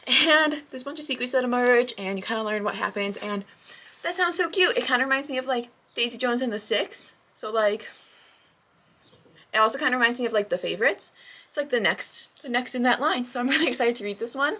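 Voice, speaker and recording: A woman with a fairly high voice chats at home about her reading plans. She talks casually and gushes with excitement, and her speech is full of fillers. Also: fairly quick. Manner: gushing, excitable, chatty with many fillers. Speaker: book vlogger. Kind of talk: casual chat.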